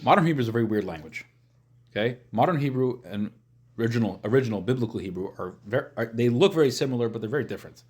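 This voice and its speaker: A man's voice: medium pitch, expressive, fast talker, a little mellow, breathy edge. Questioning male rabbi teaching informally. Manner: questioning, checks in with listeners using short questions. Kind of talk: informal religious lesson, explaining and translating.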